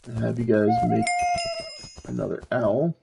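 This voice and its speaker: A man streaming a video game, slowly talking himself through what he is doing in casual commentary. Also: medium pitch, gravelly, very noisy. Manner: slow, musing, talks to himself while playing.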